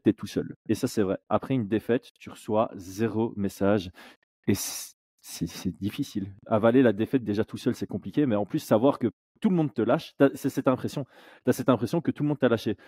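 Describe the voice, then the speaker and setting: Male podcast host; low, warm tone, dry studio sound, measured delivery. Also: no echo. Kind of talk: casual podcast chat.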